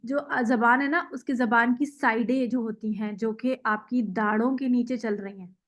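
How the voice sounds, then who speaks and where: A woman's voice: on the high side, steady tone, a bit bright. Woman teacher patiently explaining pronunciation. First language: Urdu. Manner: explains step by step, models sounds slowly.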